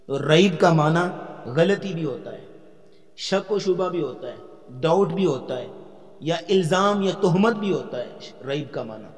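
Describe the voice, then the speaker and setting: A man lecturing as a Quran teacher in a hall with a long, lingering reverb. His voice sits a little high for a man. He explains step by step, quizzes his class and slows down to chant verses. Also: lively intonation. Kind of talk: tafsir lecture.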